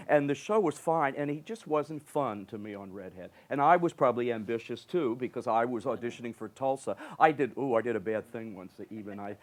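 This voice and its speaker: An older man, a retired dancer on a panel, telling animated stories in a casual way and laughing easily. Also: medium pitch. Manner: chatty, animated storyteller who laughs easily.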